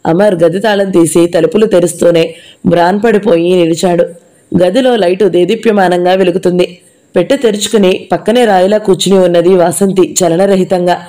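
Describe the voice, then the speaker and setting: A woman narrating an audio novel in a steady, measured storytelling manner. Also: on the low side. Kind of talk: scripted narration.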